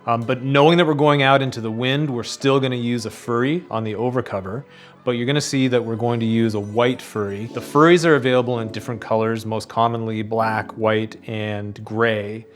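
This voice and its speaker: A man working as a sound recordist, explaining microphone technique in a calm, practical way. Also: mid-range voice, fairly quick. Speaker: sound recordist guest expert.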